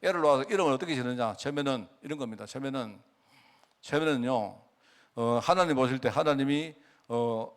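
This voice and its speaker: A middle-aged pastor, preaching a sermon and often asking the congregation questions. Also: male voice, mid-range voice, a little fast. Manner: animated, asks the congregation questions; acts out God's words in quoted speech.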